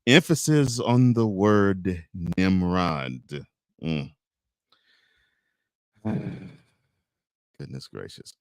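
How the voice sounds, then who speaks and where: A man with a low, deep voice hosts a casual live morning show and reads viewer comments aloud. He is chatty and laughs often, and the sound is dry with little room echo. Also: expressive, very slow, long pauses, a little mellow. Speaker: host of a morning variety show.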